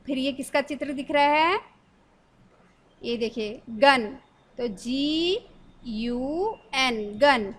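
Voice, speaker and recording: A woman teacher with a fairly high, slightly bright voice runs a spelling lesson for young children. She speaks slowly, spelling each word out letter by letter and putting questions to the class.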